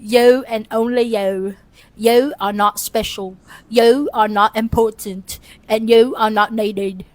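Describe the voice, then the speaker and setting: A woman voicing a menacing AI chatbot in a mock British accent, reading slowly and with measured weight. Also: fairly high pitch, fairly even intonation, dry recording, rough recording.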